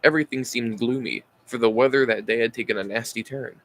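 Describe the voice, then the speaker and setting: A man's voice: mid-range voice, a little fast, fairly bright tone, poor audio. A tired man casually reading a novel aloud as an amateur audiobook, sighing between phrases and stumbling over words before correcting himself.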